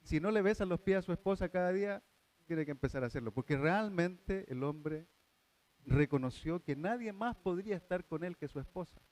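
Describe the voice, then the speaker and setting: Male pastor, high voice, earnest sermon delivery that swings between hushed and fervent. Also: expressive, moderate pace.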